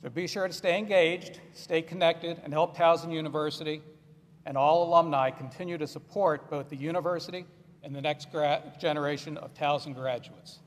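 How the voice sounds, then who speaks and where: A man in his sixties speaks to graduates from a podium, plain and conversational, with a lightly self-deprecating tone. His voice sits a bit high for a man, and it echoes with a long tail through a big hall. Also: fairly even intonation, normal speed. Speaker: alumni association speaker. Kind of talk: commencement address. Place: large ceremony hall.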